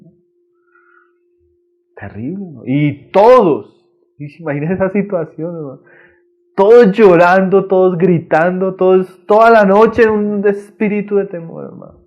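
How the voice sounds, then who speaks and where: A male preacher giving a conversational sermon, often tagging his phrases with a friendly aside and swinging from emphatic raised lines to quiet drops. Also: high voice, measured pace, dull audio.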